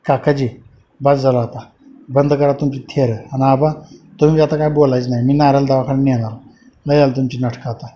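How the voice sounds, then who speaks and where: A man's voice: mid-range voice, flat delivery, fairly quick, mellow, lightly acted. A man voicing an angry, defiant young man who stands up to his elders, in a dull lo-fi recording with faint hiss.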